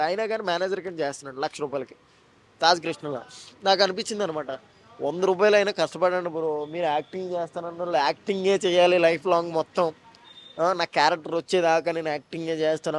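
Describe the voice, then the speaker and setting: A man talks at a rapid clip in a fairly high voice. He tells his stories in a casual interview with animated, joking asides. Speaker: actor and mimicry artist.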